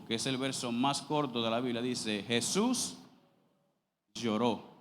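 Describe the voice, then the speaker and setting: A male pastor delivers a sermon in a church, his somewhat high voice carrying a long reverb through the hall. He reads scripture slowly and deliberately, then presses his points with growing emphasis. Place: church sanctuary.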